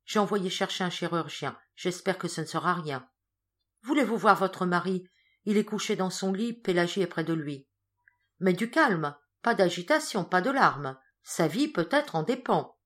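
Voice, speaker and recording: A woman reading the part of a kindly elderly churchman, speaking gently and reassuringly in an audiobook. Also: fairly low pitch, lively intonation, moderate pace. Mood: consoling. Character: kindly elderly male churchman, calm and consoling.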